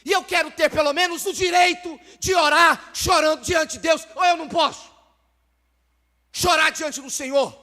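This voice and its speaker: A man voicing a grieving barren woman who pleads loudly and in anguish to God. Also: very high-pitched, fast talker, few pauses, in a large hall. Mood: anguished pleading.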